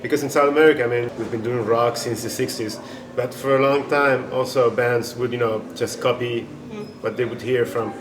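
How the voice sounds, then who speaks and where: A man's voice: medium pitch, fairly even intonation, moderate pace, hardly any pauses. A man from Chile, a band member being interviewed, talking casually and rambling with many restarts and fillers. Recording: echoey room with noisy ambience.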